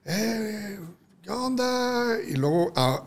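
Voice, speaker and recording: Gravelly man telling stories. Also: high voice, extremely slow. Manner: lively storyteller, acting out voices and using slang. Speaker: guest singer. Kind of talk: casual anecdote storytelling.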